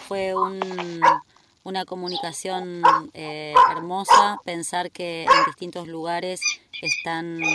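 Slow-talking woman radio host. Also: lowish voice. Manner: warm, unhurried thanks with hesitant fillers. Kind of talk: community radio interview. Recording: loud background noise.

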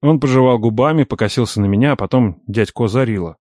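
A man reading a first-person audiobook with an ironic, expressive storytelling manner. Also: mid-range voice, fast, no room sound, clean studio sound. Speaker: audiobook narrator.

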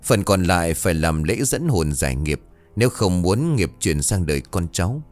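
Stern old ritual master, solemn chanting tone, very deep voice, male narrator reading. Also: very animated, moderate pace, darkish tone, soft background music. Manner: solemn, incantatory.

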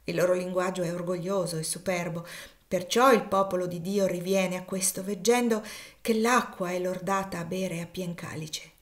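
A woman reading as a calm, devout older man. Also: fairly low pitch, natural voice. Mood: solemn. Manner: measured, solemn reading of scripture. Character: calm, devout older male host, steady and kindly.

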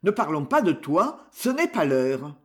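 A stern village father presiding at the family table, as a man reads him aloud. His words come grave and commanding, set in a high, animated voice. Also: unhurried.

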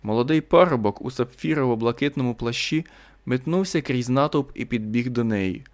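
Steady male audiobook narrator. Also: medium pitch, moderate pace.

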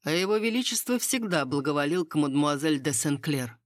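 A woman's voice: sits low, expressive, brisk, no room sound. A woman reading the part of a sardonic, unflustered aristocratic court lady with dry irony. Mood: grim.

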